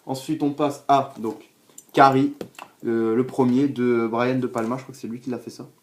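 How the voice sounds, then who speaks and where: A man's voice: medium pitch, flat delivery, moderate pace. A young man casually presenting his DVD collection, rambling with many fillers and repeated words. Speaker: collector showing his DVDs. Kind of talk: casual spoken review. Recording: noisy home recording.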